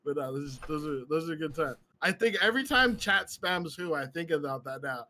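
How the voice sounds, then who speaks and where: A young man with a high, bright, ringing voice tells stories in a loose podcast chat. He laughs often and slips into the voices of the people he quotes. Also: animated, a little fast, a little hiss or hum. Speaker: podcast host. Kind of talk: casual storytelling chat.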